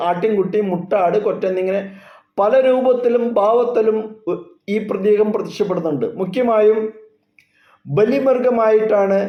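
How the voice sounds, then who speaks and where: A man preaches a sermon in slow, measured phrases and lingers on key words. His voice sits high for a man. The recording is dull and lo-fi, with a roomy echo around him. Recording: echoey, dull lo-fi room sound.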